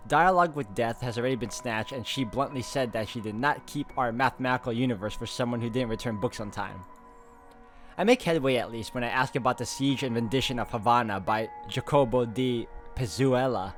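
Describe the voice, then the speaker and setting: A man hosting a gaming video reads a visual novel's narration in an informal, expressive style during his playthrough. His medium-pitched delivery includes casual asides and the odd stumble.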